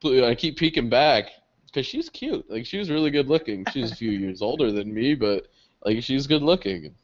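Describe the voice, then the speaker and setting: A young man co-hosting a podcast, spinning a long story with a lively, swooping voice. He swears freely and laughs often as he talks. The recording sounds dull and lo-fi. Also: mid-range voice, normal speed. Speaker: podcast co-host. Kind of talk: casual storytelling chat.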